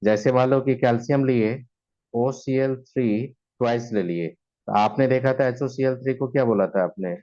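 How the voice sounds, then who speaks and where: A man's voice: mid-range voice, moderate pace, warm tone, dull audio. A man teaching chemistry in mixed with terms, who keeps asking his students questions and answering them himself. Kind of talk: classroom lecture.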